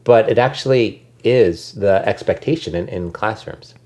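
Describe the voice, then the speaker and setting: Warm in tone and fairly low in pitch, an American guest speaks at normal speed in a conversational interview. He leads an education nonprofit and talks thoughtfully, with frequent ums and restarts.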